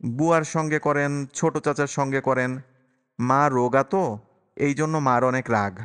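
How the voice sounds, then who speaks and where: A man's voice: mid-range voice, measured pace, a bit bright, clear, resonant tone, close to an everyday voice. A man voicing a timid little boy. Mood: shy. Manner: short, shy childlike answers. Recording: long reverberant echo.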